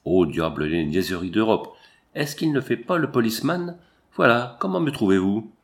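A man's voice: on the low side, big pitch swings, moderate pace. A man playing a boastful, self-important middle-aged policeman turned prospector while reading a story aloud. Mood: proud.

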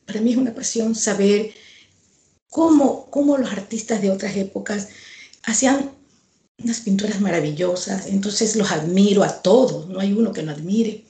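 A woman's voice: medium pitch, moderate pace, warm tone. A woman painter answering an interview, talking earnestly and reflectively, repeating herself for emphasis. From Ecuador. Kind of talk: conversational interview. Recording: echoey room.

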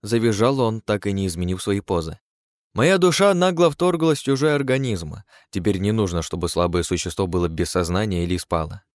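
A man's voice: lowish voice, expressive, brisk, no room sound, clean studio sound. A man narrating a first-person fantasy audiobook, with wry, sardonic asides.

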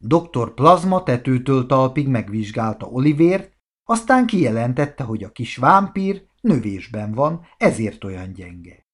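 A man reading a children's storybook aloud as narrator, animated and expressive. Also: medium pitch. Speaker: audiobook narrator.

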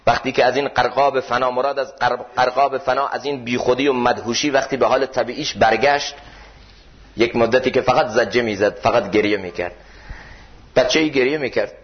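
A man with a Khorasani Persian accent preaching a mosque sermon on Masnavi poetry. He chants verses slowly and swings between high, loud pleading and low, hushed tones. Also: steady tone. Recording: dull lo-fi recording.

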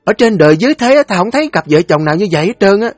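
A woman's voice: medium pitch, sing-song, very fast, darkish tone, dry recording, faint music behind, voice pushed up. A man voicing a fierce unmarried older sister, berating harshly. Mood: furious.

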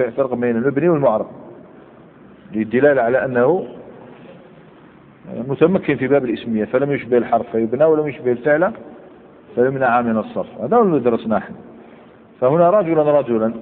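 A man gives a classroom grammar lesson, moving through each point step by step and firing short questions at his students. He is heard over a thin, phone-like line, and his voice rings with the long reverb of a lecture hall. A faint hiss runs underneath. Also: mid-range voice. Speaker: Arabic grammar teacher.

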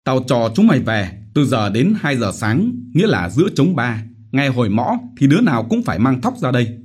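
Brutal bullying village chief, shouting curses, high and loud, husky edge, voiced by a man, audiobook. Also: very animated, brisk. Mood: threatening.

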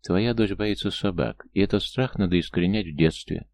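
A steady, unflappable ex-convict from an audiobook, answering evenly and without heat, as a man reads him. The voice is very deep, with a gravelly, mellow tone. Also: brisk. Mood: calm. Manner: calm, even replies.

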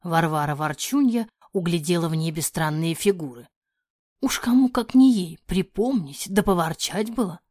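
A woman narrating a fairy-tale audiobook in an expressive voice that often drops to a breathy near-whisper. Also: lowish voice, normal speed, no room sound, clean studio sound.

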